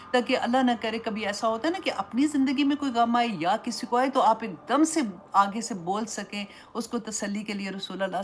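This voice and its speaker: A woman's voice: medium pitch, slight background noise. A woman Islamic teacher giving a Quran commentary lesson, telling stories and slipping English phrases into her Urdu.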